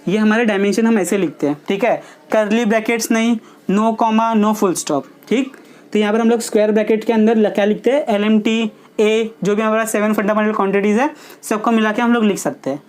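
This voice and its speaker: A woman teaching a physics class. She asks the students questions and then answers them herself, and she often checks in with short tags. She slows down to dictate the formulas. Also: fairly high pitch, darkish tone. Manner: checks understanding with short tags like "theek hai". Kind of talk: classroom lesson at a board.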